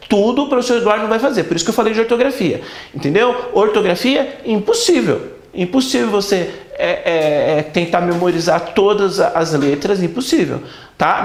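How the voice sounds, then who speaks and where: A man's voice: sits high, reverberant. A man teaching a grammar class, emphatic and repetitive, checking often whether students follow. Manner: emphatic, repeats key points with rhetorical checks. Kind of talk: classroom lecture.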